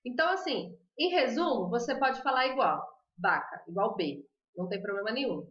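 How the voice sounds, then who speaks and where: A woman's voice: sits high, sing-song, brisk, a bit bright. A woman with a Brazilian accent teaching Spanish pronunciation in a casual live stream, chatty and laughing often, reading viewer comments aloud. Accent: Brazilian Portuguese. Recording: roomy, slightly dull live-stream audio.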